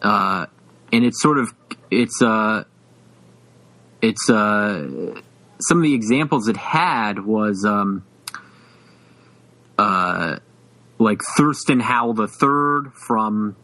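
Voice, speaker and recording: A man's voice: lowish voice, pushed and bright, poor audio. A man co-hosting a podcast, chatting casually with lots of fillers and restarts. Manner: halting, many fillers and restarts, laughs often. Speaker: podcast co-host. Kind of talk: casual chat.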